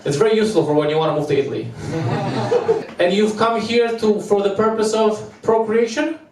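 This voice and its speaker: A man from Romania, doing stand-up crowd work with teasing, quick-fire banter. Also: high voice, expressive, far from the mic. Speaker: stand-up comedian. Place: comedy club stage in Berlin. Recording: echoey club, mic heard from afar, crowd noise.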